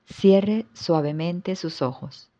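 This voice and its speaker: A woman yoga instructor guiding a yoga nidra relaxation with soft, calm instructions. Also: fairly low pitch, slow, highs cut off.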